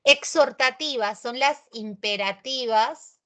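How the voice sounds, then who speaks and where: Peruvian woman teaching grammar, chatty and expressive, unhurried delivery, a bit high. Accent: Peruvian Spanish. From Peru. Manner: chatty, expressive, addresses students directly. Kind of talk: online grammar lesson.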